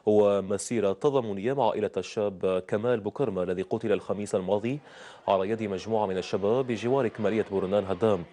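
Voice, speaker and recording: A man's voice: lowish voice, warm tone, slight background noise. A man reading scripted news as a presenter.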